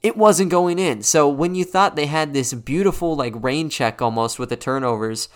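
A man hosting a sports podcast, giving a casual, conversational game recap in a quiet but clear voice. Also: fairly high pitch, normal speed. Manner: conversational, loosely unscripted. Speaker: podcast host.

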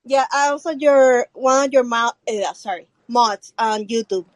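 Slow, halting Puerto Rican woman caller. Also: fairly high pitch, dry recording. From Puerto Rico. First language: Spanish. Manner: careful, halting English, searching for words. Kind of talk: casual call-in talk.

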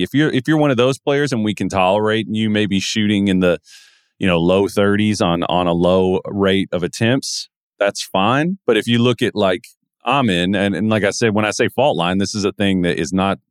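Deep-voiced man, thoughtful chat. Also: clean tone, dry recording, clean studio sound. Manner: thoughtful, hedging, many fillers. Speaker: podcast co-host, draft analyst. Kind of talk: casual basketball chat.

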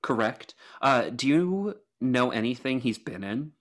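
A man's voice: medium pitch, lively intonation, a little slow. A man co-hosting a podcast, joking in a mock-formal, self-mocking way and laughing often. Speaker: podcast co-host. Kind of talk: casual comedic chat.

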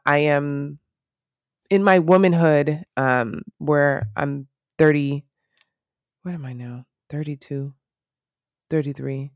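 A woman's voice: sits low, smooth, no room sound, clean studio sound. A woman in her thirties hosting a solo podcast, talking in an earnest, reflective and rambling way with many fillers. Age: 30s. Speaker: podcast host.

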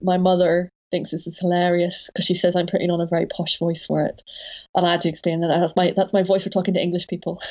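A woman guest speaks in a mellow, soft-edged voice, weighing each point with earnest care and frequent restarts. The sound is slightly dull and lo-fi. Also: fairly low pitch, flat delivery, quick pace. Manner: thoughtful, earnest, self-correcting. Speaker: guest author. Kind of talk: podcast conversation.

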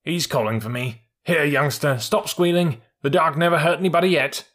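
A man voicing a gruff, bossy old male army mule in a storybook, scolding in a brisk way. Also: a little high, a bit bright, pitched above the performer's own voice.

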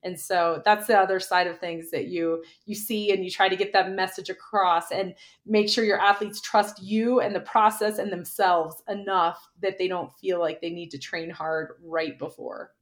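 A woman's voice: on the low side, fairly even intonation. Chatty woman cyclist telling stories. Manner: chatty, quick storyteller with frequent "like". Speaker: guest, former pro cyclist and coach. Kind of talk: casual interview chat.

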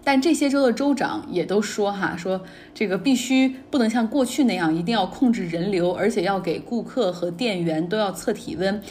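A woman's voice: mid-range voice, a little mellow, slight background noise. A woman hosting a daily news podcast, commenting on the day's stories in a conversational, opinionated way. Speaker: podcast host.

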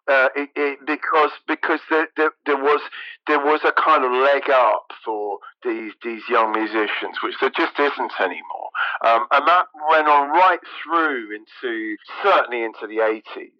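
A man's voice: medium pitch, normal speed, dry recording, dull audio. A middle-aged man, a music journalist talking as a guest in an interview, thoughtful and hesitant, often restarting his sentences. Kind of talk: casual interview talk.

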